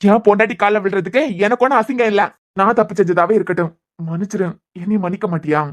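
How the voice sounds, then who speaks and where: A voice actor playing a young husband in a cartoon serial, with a Kanyakumari Tamil accent, pleading and trying to calm his wife. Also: medium pitch, fast talker, natural voice. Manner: pleading, soothing, insistent.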